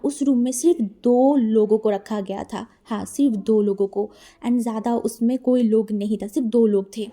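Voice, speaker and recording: A woman's voice: on the high side, mellow. A woman telling a fan-fiction story in a chatty, repetitive way, mixing in English words.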